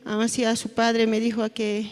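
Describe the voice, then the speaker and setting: A middle-aged woman gives an earnest, halting personal testimony in a church service, often ending phrases with a questioning tag. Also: fairly high pitch, completely flat delivery, darkish tone. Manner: halting, earnest, tags lines with "¿no?" and "así". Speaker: church member giving testimony. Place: church hall. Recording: long hall reverb.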